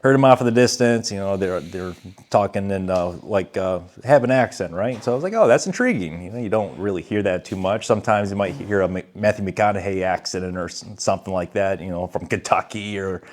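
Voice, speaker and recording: A man's voice: sits low, brisk, a little mellow. A man co-hosting a casual gaming podcast, telling long, rambling stories with chuckles and the odd swear word. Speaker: podcast co-host. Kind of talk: casual chat.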